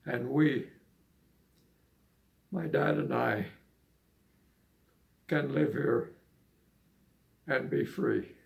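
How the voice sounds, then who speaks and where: An older man with a medium-pitched voice full of gravel and fry reads poetry and reminisces casually. Like an amateur poet sharing his own work and memories, he speaks slowly and haltingly, taking his time.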